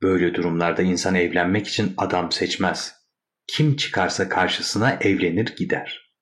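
A man narrating a classic short story in a measured, wry storytelling manner. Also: low-pitched, fairly bright tone.

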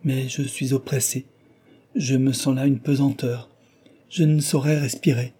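A man's voice: mid-range voice, fairly even intonation, measured pace, warm tone, breathy edge, voice pushed up. A man voicing a distressed young heiress, breathless and pleading in a tender storybook scene. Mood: oppressed.

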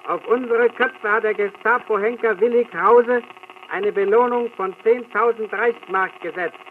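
An actor playing a defiant underground announcer, declaiming a pirate radio broadcast in 1940s radio-play style. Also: male voice, high-pitched. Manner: solemn, declaiming proclamation. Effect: pirate radio broadcast over a crackly shortwave signal. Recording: tinny, hissy old radio recording.

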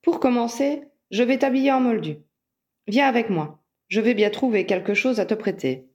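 A woman's voice: a little high, moderate pace, darkish tone, dull audio, natural voice. A woman voicing teasing young wizard Harry. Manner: teasing, cheerful insistence.

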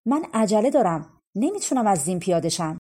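An earnest, homesick young man from a folk tale, as a woman reads him, eager and afraid of death. The voice sits a little above her narration and stays mellow and breathy. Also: medium pitch, sing-song.

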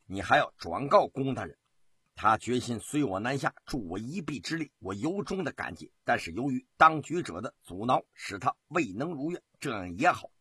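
A man's voice: mid-range voice, sing-song, moderate pace, sharp tone, breathy edge, dry recording, studio quality, full character voice. A man voicing a stern, upright Qing imperial commissioner in a traditional storytelling performance, speaking solemnly and resolutely. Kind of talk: traditional storyteller acting out a character.

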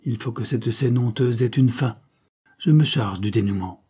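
A man's voice: mid-range voice, moderate pace, warm tone, breathy edge, close to an everyday voice. A man voicing a stern young doctor who coldly accuses and passes judgment, read in a storybook.

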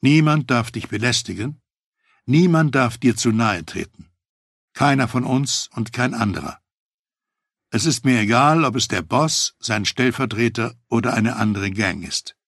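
A man voicing a commanding male Mafia capo who speaks firmly and emphatically, in a gravelly, husky voice. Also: mid-range voice, a little slow, a bit bright, no echo, clean studio sound, full character voice.

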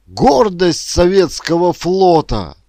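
A man doing a gruff proud old shipbuilder. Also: high voice, big pitch swings, slow, warm tone, no room sound, studio quality, pitched above the performer's own voice, full character voice. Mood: insistent. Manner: gruff, emphatic, lecturing. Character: stern, proud old male shipyard worker. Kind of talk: audiobook character reading.

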